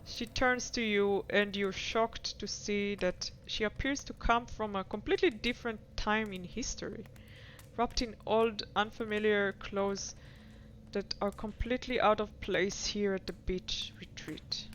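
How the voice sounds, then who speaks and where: A woman streamer reads a dating game aloud at a slow, unhurried pace. Her voice sits at an ordinary middle pitch. She stays amused and drops in comic asides as she goes. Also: steady tone, a bit bright, a little hiss or hum.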